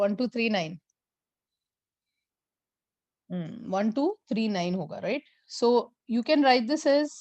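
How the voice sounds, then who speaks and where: A woman physics teacher, mixing Hindi and as she teaches an online class and slowly repeats numbers for her students. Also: mid-range voice, darkish tone, no echo, lo-fi sound. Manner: mixes Hindi and English.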